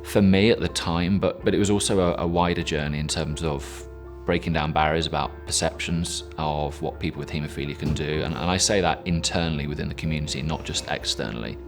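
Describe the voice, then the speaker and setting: A man's voice: very deep voice, fairly even intonation, a little fast, hardly any pauses. A man speaking earnestly in a documentary interview, reflective, with small restarts. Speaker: interviewee, endurance athlete. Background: background music.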